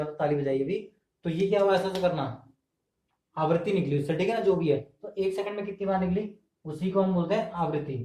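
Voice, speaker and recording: Male tutor, higher voice, drills terms by asking and answering, camera audio in an echoey room. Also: warm tone. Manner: asks questions and answers them himself, repeats key terms. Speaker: exam-prep teacher. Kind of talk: classroom lecture. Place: indoor room filmed on camera. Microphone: camera mic.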